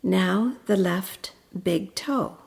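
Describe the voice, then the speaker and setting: In a guided meditation, a woman with a mid-range voice offers gentle, soothing instruction punctuated by pauses. Her voice turns breathy at phrase endings.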